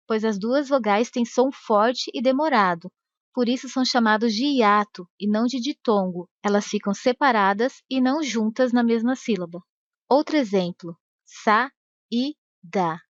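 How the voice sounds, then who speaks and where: A woman teaching a grammar lesson, speaking slowly and carefully and stretching out the sample words. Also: medium pitch, dry recording. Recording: dry, dull lo-fi voice-over.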